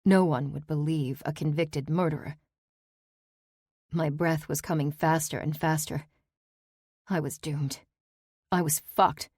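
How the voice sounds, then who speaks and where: Female audiobook narrator, low-pitched, tense and clipped, dry close read. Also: steady tone, measured pace, pauses often, darkish tone, breathy edge, dry recording. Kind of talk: first-person audiobook narration.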